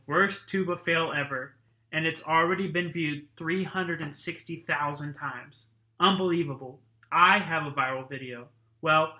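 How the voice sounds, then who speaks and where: A teacher reads a chapter book aloud to his class in a plain, unhurried way. His voice sits a little high and sounds very bright, almost sharp. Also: roomy sound, rough recording. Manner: plain, steady reading with a casual tone. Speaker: teacher reading a novel aloud to students. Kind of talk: reading a novel aloud.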